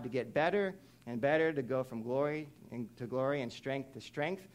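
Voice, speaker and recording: A young adult man preaching a sermon in a conversational, animated way, telling a story and mimicking animal sounds. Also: mid-range voice.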